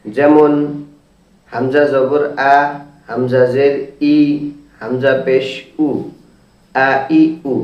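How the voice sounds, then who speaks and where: A man's voice: medium pitch, a little mellow, highs cut off. A man teaching Quran reading, drilling Arabic letter sounds one by one in an instructional lesson. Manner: recites Arabic in a drawn-out chant.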